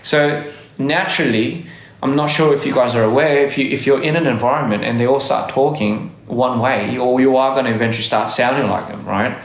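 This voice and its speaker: Fairly quick and medium-pitched, a thirty-something Australian livestream host with a mixed Australian-American accent responds to comments in a loose, rambling way, often laughing and correcting himself. The sound is roomy and rough.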